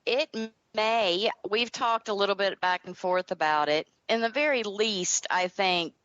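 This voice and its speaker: A middle-aged woman from North Carolina, with a Southern American accent, answers interview questions conversationally as a guest author and audio drama creator. Her voice is medium in pitch and fairly bright, with a measured pace. The recording has no echo but sounds lo-fi.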